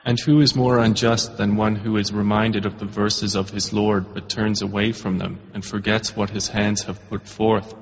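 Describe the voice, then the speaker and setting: Low flat-voiced man reading a translation. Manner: steady, measured reading. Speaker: translation reader. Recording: dull lo-fi recording with hall reverb.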